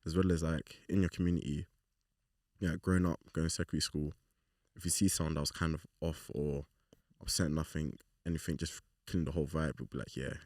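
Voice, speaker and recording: A young man from talks in a loose, slangy way with an extremely low voice. He sits a little back from the microphone in a dry room. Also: steady tone, brisk, a little mellow, dry recording, distant mic. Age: 20s. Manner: laid-back, slangy, acts out quoted remarks. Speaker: podcast guest. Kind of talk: casual group chat.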